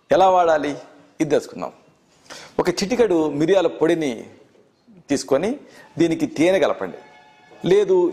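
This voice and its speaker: A middle-aged man with a Telugu accent, an Ayurveda doctor calmly explaining home remedies step by step. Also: on the high side. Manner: measured, listing remedies in steady repeated phrases. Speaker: Ayurveda doctor presenting health tips. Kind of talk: instructional health talk.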